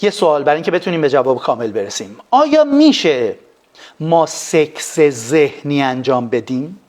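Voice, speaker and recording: A man, a psychologist, giving an animated lecture on a live stream, full of rhetorical questions. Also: medium pitch. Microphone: phone.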